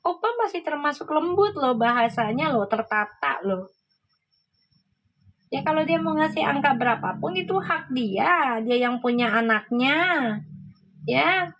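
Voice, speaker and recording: A woman's voice: high voice, lively intonation, unhurried, a bit bright, low-quality recording. A woman hosting a casual livestream, chatting and reacting to viewer comments, laughing often.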